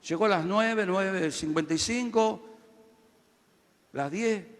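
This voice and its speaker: A man preaching a sermon as pastor, telling a story and then building to loud, shouted calls for the congregation to repeat after him. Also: sits high, takes it slowly, big-room sound.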